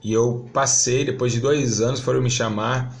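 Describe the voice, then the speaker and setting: Pastor from Brazil, a man with a gravelly edge, earnest testimony that swells into fervent outbursts. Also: mid-range voice, steady tone, moderate pace. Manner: earnest, storytelling, rising to fervent emphasis. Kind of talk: testimony to a church audience.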